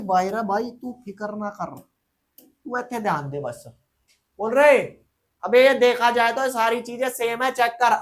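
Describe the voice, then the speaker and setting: In a relaxed chemistry lecture, a male teacher with a very high-pitched, fairly bright voice repeatedly quizzes his class. He then answers himself, slangy and teasing.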